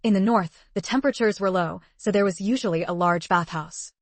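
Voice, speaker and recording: A woman narrating an audiobook in an even, steady way at a middle pitch. The sound is dry and close, with no room around it. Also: a little fast, no room sound.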